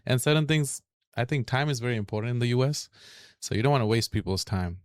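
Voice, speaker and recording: A man's voice: medium pitch, lively intonation, fast talker, no echo, studio quality. A man from Fiji with a Fiji Indian accent and Fiji Hindi as his first language, talking conversationally on a panel. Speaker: real estate agent and lender on a panel.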